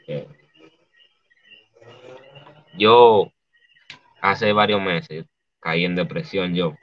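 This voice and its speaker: A man with a Dominican accent, a guest artist speaking haltingly and softly, with many restarts, over dull lo-fi video call audio. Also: low voice, no room sound. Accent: Dominican Spanish. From Dominican Republic. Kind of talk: emotional interview.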